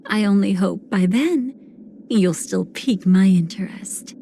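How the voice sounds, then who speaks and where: An actress playing a seductive, sinister woman cremator in a video game, speaking in a languid, theatrical way with breathy, whispered phrase endings. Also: mid-range voice, unhurried, warm tone, a little hiss or hum. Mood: wistful teasing. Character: seductive, sinister woman cremator who savors betrayal and decay. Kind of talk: video game character voice lines.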